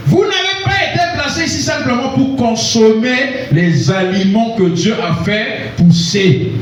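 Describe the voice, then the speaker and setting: High-voiced pastor preaching in an echoey hall. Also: male voice, recorded from a distance, slight background noise. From Congo. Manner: preaching with call-and-response, rising to shouts. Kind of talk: sermon. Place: church hall.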